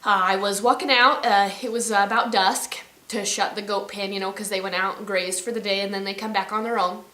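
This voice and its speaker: A woman's voice: mid-range voice, fairly even intonation, fairly quick, pushed and bright, roomy sound. A woman vlogging from her ranch, telling a story casually and rambling, often correcting herself. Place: outdoors on a ranch.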